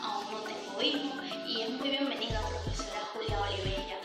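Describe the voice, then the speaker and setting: A woman's voice: mid-range voice, fairly quick, distant mic. A woman in her twenties from Panama, a university student presenting a class video and reading a prepared explanation. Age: 20s. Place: small room indoors. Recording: echoey room, background music.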